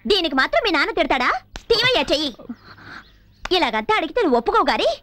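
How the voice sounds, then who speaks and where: A shrill, teasing young sister-in-law. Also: female voice, sing-song, fast, a bit bright, exaggerated voice. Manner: teasing, chattering, bossy. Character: cheeky young woman teasing her brother-in-law. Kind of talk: comic film acting. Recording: film dialogue over music score.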